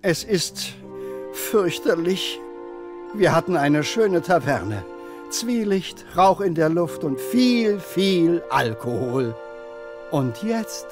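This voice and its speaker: A man's voice: on the high side, very animated, slow pace, music in the background. A man voicing a courteous, nervous, gloomy ogre in a video game, speaking politely and theatrically.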